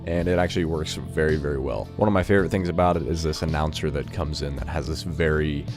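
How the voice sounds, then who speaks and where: A man's voice: very deep voice, steady tone, fast talker. A man hosting casual first-impressions video game commentary, talking informally as if thinking aloud. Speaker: video game review host. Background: music.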